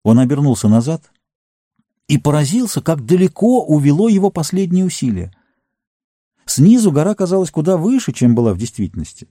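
A man reading a fantasy novel aloud as an audiobook narrator, measured and slowing on grim passages. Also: fairly high pitch, very animated, mellow, no echo, clean studio sound.

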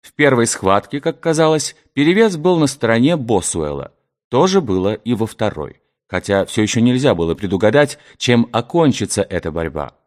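A man's voice: mid-range voice, sing-song, moderate pace. A man reading a historical novel aloud as narrator, voicing the characters expressively.

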